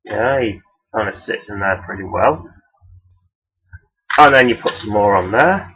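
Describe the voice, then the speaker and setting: A man's voice: fairly low pitch, lively intonation, a little slow, sharp tone. A man giving a casual, rambling toy review in a hesitant, self-deprecating, blunt and sweary way. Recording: dull, lo-fi sound.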